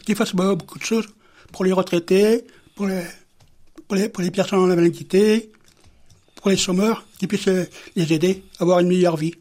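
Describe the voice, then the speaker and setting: A man's voice: high voice, steady tone, moderate pace, darkish tone. Man giving short plain answers. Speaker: guest, fellowship member. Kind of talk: radio interview.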